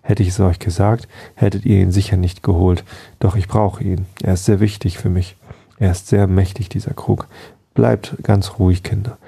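Casting: man reading as a gentle-spoken, crafty old witch, soft dark voice. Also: deep voice, flat delivery, moderate pace, vocal fry, breathy edge, full character voice. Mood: soothing. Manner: soothing and gentle. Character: calm, cunning old witch woman.

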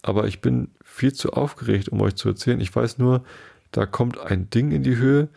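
A man voicing a small, timid male lizard in a storybook reading, talking in a weak, squeaky, flustered way. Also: moderate pace, vocal fry, mellow.

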